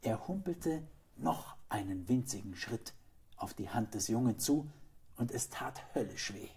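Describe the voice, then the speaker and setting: A male actor reading a children's story aloud with gentle, expressive storytelling. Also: medium pitch, a little slow, breathy edge.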